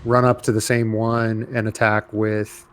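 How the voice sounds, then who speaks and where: A man's voice: on the low side, flat delivery, unhurried, a bit bright, a little hiss or hum. A man playing a tabletop game, hesitant and filler-heavy as he describes his attack. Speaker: player. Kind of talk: casual chat at a tabletop game.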